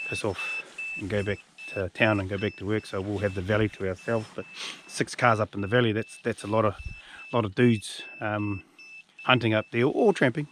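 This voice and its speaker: A man's voice: fairly low pitch, fairly bright tone, a little hiss or hum. A man with a broad New Zealand accent talks as the host of a hunting vlog, in a laid-back, slangy, matey way. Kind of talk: casual outdoor vlog talk and narration. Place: outdoors in a mountain valley.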